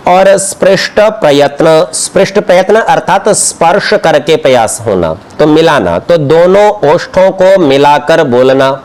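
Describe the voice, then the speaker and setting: Man, scripture teacher, slightly high voice, patient, explains word by word. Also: a little mellow. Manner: explains slowly, term by term, with examples. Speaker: religious teacher. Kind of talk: scripture study lecture. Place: outdoor courtyard class.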